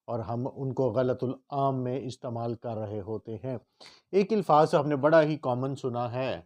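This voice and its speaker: A man from Punjab, giving a motivational lesson and slowing down to spell out how words are pronounced. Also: medium pitch, warm tone. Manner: emphatic, slows to spell out word pronunciations. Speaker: teacher.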